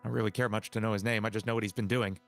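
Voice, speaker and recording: A man's voice: lowish voice, little pitch movement, racing, vocal fry, fairly bright tone, soft background music. A man narrating a tabletop game as game master, with hesitant, filler-heavy delivery.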